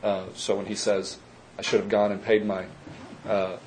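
A man presenting his case at a public meeting, measured and legalistic, with frequent hesitations. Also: fairly low pitch, level tone, a little mellow, slight background noise, poor audio. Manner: measured and legalistic, many "uh" fillers. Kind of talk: formal argument at a public meeting.

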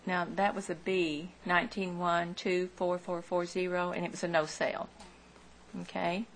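A woman runs a live auction, calling lot numbers and bids in a flat, fairly low voice. She works procedurally through the figures one digit at a time. There is noticeable room noise behind her. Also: normal speed. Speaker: auctioneer at a property tax sale.

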